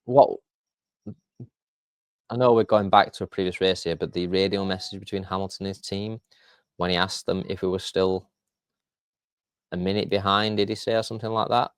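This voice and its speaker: A man's voice: sits low, fairly even intonation, normal speed, pauses often, clean tone, dry recording, studio quality. A man co-hosting a sports podcast in casual chat, joking and swearing freely. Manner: swears freely, jokey and rambling. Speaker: podcast co-host.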